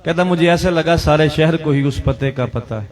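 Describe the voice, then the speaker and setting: A man with a Punjabi accent reciting a Shia majlis sermon, telling a story in mixed Urdu and Punjabi and calling out to the crowd. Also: fairly high pitch. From Pakistan. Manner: mixes Urdu and Punjabi, dramatic storytelling with chanted calls to the crowd.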